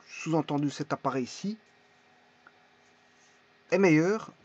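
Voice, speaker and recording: Husky man teaching haltingly. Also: a little high, a little mellow. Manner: halting, many fillers and restarts. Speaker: language teacher. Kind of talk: casual explanatory lesson. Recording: dull lo-fi recording.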